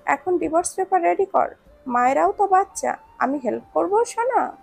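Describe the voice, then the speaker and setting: A chatty, teasing young man pesters his friend with questions, as voiced by a woman narrator. The voice sits very high and has a gravelly grain. Faint music runs underneath. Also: lively intonation, normal speed, exaggerated voice.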